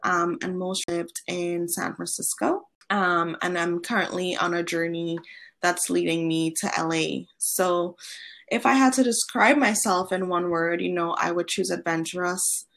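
A woman's voice: lowish voice, unhurried, gravelly. Upbeat woman from Trinidad and Tobago. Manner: friendly, animated, with frequent ums. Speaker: guest, founder of an online platform. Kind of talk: conversational podcast interview.

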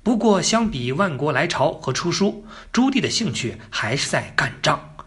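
A man's voice: a little high, big pitch swings, moderate pace, fairly bright tone. A man telling history as a casual story, colloquial and joking, with asides to the listener. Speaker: narrator.

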